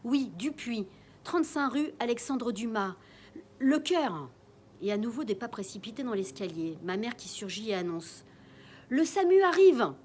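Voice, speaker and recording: A woman voicing a flustered, sharp middle-aged mother who scolds with exasperated questions. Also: fairly high pitch, lively intonation, normal speed, a little hiss or hum, close to an everyday voice. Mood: urgent.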